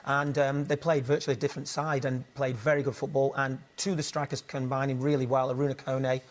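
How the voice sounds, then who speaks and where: A man's voice: mid-range voice, level tone, fast talker. A man analysing football in a studio, hesitant and full of ums. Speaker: football pundit. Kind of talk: studio punditry chat.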